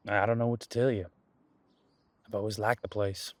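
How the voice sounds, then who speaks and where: With a natural, lowish voice and flat delivery at a normal speed, a man records dry as a laid-back ancient demon detective living on the coast. It's a one-sided conversational roleplay, and he chats in a relaxed, folksy, reflective way.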